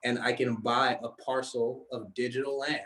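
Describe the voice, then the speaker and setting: A man heard through a video call link, chatting as a podcast guest. His pitch sits in a middling range. He talks eagerly and trips over his words, repeating a phrase before pushing on. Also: level tone, moderate pace, bright, forceful tone, low-quality recording. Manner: eager, stumbles and repeats words as he builds a point. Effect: heard over a video call connection. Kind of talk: casual conversational interview.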